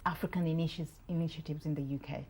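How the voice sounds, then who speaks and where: Low-voiced woman talk show host. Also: steady tone, fast talker, darkish tone, echoey room, distant mic, a little hiss or hum. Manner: encouraging, frequent affirming murmurs. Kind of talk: interviewing guests.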